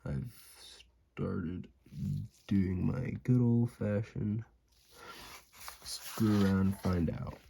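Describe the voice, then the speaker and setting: Speaking very slowly with long pauses, a young Southern American man lets his low, gravelly, mellow voice drift as he draws at home, rambling and joking to himself. He hosts an animation channel, and this is casual drawing commentary with a little hiss or hum.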